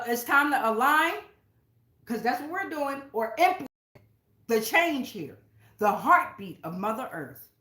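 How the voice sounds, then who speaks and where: Speaking straight to her audience from indoors at home, a tarot-reading channel host delivers a casual spiritual reading full of blunt, emphatic, profane remarks. Her pitch is fairly high, her tone fairly bright, and the audio has a roomy quality.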